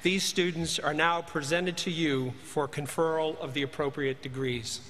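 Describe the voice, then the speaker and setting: A man formally announcing graduates at a commencement, speaking at a podium microphone and reading names in a measured, deliberate way. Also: on the high side, fairly even intonation, a bit bright, a little hiss or hum. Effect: speaking into a podium microphone in a large hall. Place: large ceremony hall. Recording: reverberant hall, faint ambience.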